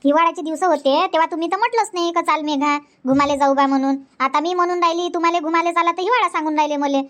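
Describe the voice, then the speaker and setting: For a Marathi comedy cartoon dub, a woman plays a chatty young newlywed who pleads, nags and repeats herself in a rush. Her voice is very high-pitched, very fast and a bit bright, with no room sound.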